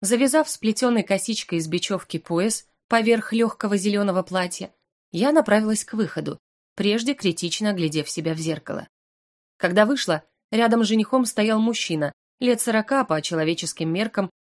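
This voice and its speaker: A woman reading a first-person fantasy romance audiobook in a steady, expressive storytelling manner. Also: medium pitch, a little fast. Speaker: audiobook narrator.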